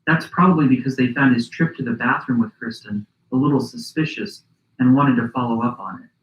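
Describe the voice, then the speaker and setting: A man hosting and narrating a documentary podcast in a measured, reflective scripted style. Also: medium pitch, echoey room, low-quality recording.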